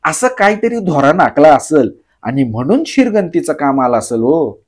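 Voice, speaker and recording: A man voicing a sly joking villager who drawls slowly and teases. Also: on the high side, sing-song, darkish tone. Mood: playful. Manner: slow, drawling, teasing, throat-clearing. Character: sly joking male villager, slow teasing talker.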